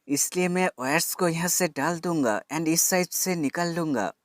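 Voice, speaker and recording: Recorded cleanly in a studio with no echo, a man with a slightly high, somewhat bright voice gives a how-to voice-over. He walks through a tech product demonstration step by step, calling his viewers friends.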